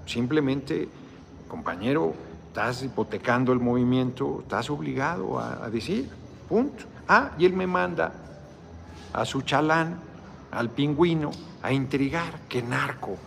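Middle-aged Mexican man, worn out, gravelly voice, loose and salty livestream chatter, faint room noise. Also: medium pitch. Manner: rambling, salty slang, reads viewer comments aloud. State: tired. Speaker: politician hosting a live video chat. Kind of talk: casual livestream chat with viewers.

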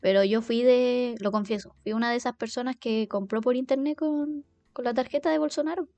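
This podcast host, a young woman with a Chilean Spanish accent, has a highish, mellow voice and a fairly even intonation as she jokes about herself in slangy, chatty fashion, laughing quickly. The recording is dry and lo-fi, with faint music in the background.

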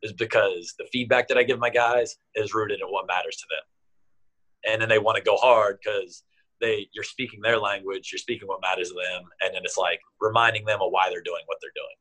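A man's voice: on the low side, normal speed, rough recording. A man in his thirties, an athletic trainer, telling stories in a casual interview, acting out what people said. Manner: animated, acts out quotes with raised voice.

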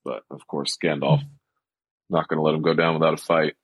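A man's voice: extremely low pitch, level tone, fairly quick, no room sound. A man co-hosting a podcast, talking about a film in casual chat and rambling with lots of fillers. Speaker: podcast co-host.

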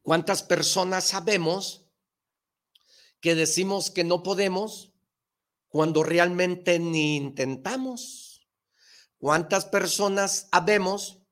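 Male motivational host, slightly higher voice, punchy, fired-up, talks to listeners like a buddy. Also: slow pace, pauses often. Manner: emphatic and excitable, rhetorical questions, slangy. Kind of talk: motivational talk.

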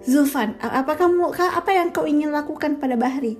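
A woman's voice: sits high, a little fast, a little mellow, soft background music, close to an everyday voice. A woman voicing a stern, authoritative male religion teacher who speaks firmly to his students.

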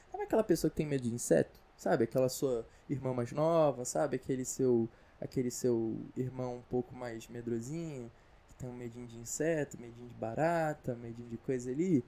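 A man's voice: medium pitch, a little fast, warm tone. A Brazilian man rambling through a comedic casual monologue, slangy and full of asides. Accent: Brazilian Portuguese. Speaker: vlogger.

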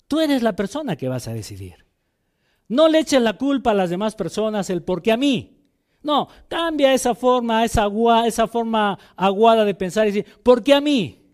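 A man's voice: extremely high pitch, a little mellow. A male pastor preaching a sermon with fervor, repeating phrases and telling anecdotes. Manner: fervent preaching with repetitions and anecdotes.

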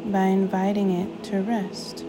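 A woman guides a sleep meditation like a sleep story narrator, soothing and unhurried, with long pauses between short phrases. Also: medium pitch, flat delivery, heavy background noise. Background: music.

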